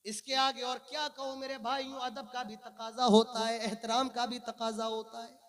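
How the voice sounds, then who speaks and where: A man in his late twenties giving an impassioned religious speech as a preacher, declaiming fervently and swelling loud on his exhortations. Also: very high voice, flat delivery, moderate pace. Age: 20s. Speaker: Islamic preacher.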